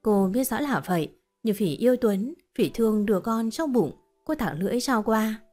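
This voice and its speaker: A woman's voice: on the high side, expressive, normal speed, darkish tone. Woman narrating a story over music. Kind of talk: scripted narration of a short story.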